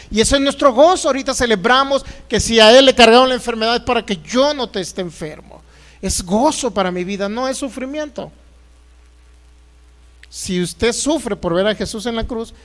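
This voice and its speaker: A man preaching a sermon as pastor, asking the congregation questions and acting out Bible figures. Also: high-pitched. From Mexico. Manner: lively preaching, acts out voices of Bible figures, rhetorical questions.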